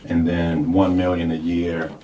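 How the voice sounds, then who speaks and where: A man's voice: sits low, completely flat delivery, measured pace, dark tone, lo-fi sound. A man in his forties co-hosting a radio talk show, talking in a laid-back, casual way. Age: 40s. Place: radio studio. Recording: roomy studio sound, mic at a distance, faint hiss.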